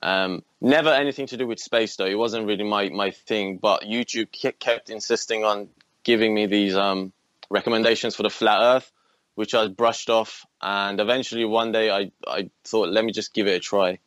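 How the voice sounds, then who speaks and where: A man in his twenties from Iran, a podcast guest, telling his story with many pauses and restarts. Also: lowish voice, steady tone, fairly bright tone, dry recording. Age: 20s. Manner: hesitant, with frequent ums and restarts. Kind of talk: casual interview talk.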